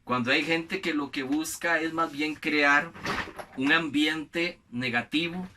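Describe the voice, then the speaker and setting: A male preacher giving a sermon, telling a scripture story in a lively way and acting out the voices he quotes. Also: on the high side, slow, background noise.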